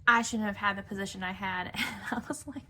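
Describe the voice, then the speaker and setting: A woman's voice: mid-range voice, fairly even intonation, a little fast, bright, forceful tone. A woman giving a casual tarot reading to camera, musing and chatty with many fillers. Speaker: tarot reader. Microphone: camera mic.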